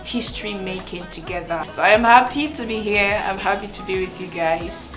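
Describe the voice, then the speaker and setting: A woman's voice: mid-range voice, normal speed, a bit bright. A woman from Cameroon, a singer talking earnestly about her career, often restarting and repeating words. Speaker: singer and songwriter. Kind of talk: to-camera interview talk. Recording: echoey room with music underneath.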